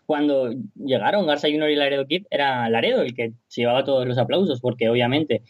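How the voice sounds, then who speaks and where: A man's voice: mid-range voice, a little fast, no room sound, lo-fi sound. A man speaking as a wrestling commentator, giving conversational, reflective analysis with his own opinions.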